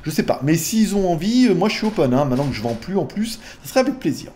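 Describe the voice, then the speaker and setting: Lively, chatty man hosting a vlog. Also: sits high, quick pace, noisy background. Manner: chatty and rambling, many fillers and restarts. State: tired. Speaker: YouTube tech host. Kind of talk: casual Q&A vlog.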